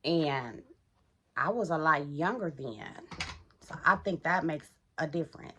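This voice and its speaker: A woman's voice: low voice, animated, measured pace, bright, forceful tone, a little hiss or hum. A middle-aged woman vlogging casually while getting ready, chatty and talking to viewers as y'all, in a groggy morning voice. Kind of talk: casual get-ready-with-me vlog.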